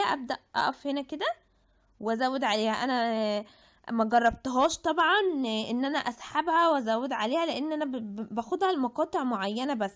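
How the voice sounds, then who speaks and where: A woman with an Egyptian Arabic accent giving a chatty app tutorial, thinking aloud and restarting her words. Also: sits high. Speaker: tutorial presenter. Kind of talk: screen-recorded app tutorial. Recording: dull lo-fi audio.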